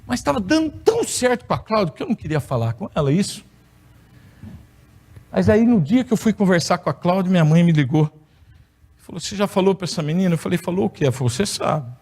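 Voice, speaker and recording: High-voiced Brazilian pastor telling a story. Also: male voice, animated, quick pace, a little mellow. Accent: Brazilian Portuguese. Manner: storytelling with playful humor. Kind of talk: sermon testimony. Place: church hall.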